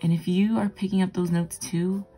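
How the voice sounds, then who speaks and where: Groggy, low-voiced young woman chatting casually. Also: little pitch movement, normal speed, dark tone, faint music behind. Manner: chatty, rambling, self-deprecating. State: groggy morning voice. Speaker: art vlogger. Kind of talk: casual narration while drawing.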